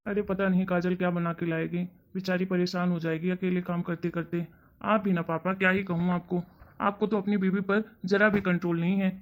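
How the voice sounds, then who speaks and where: A man's voice: high-pitched, little pitch movement, a little fast, muffled recording, natural voice. A man voicing a whiny young son and husband in a cartoon story. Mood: complaining. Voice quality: whining. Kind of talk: cartoon voice acting.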